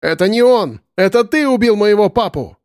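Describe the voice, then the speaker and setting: A man's voice: animated, moderate pace, darkish tone, clean tone, no echo, clean studio sound. Man voicing a fierce, ringing young girl. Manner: high and ringing. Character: fierce red-haired young girl witch.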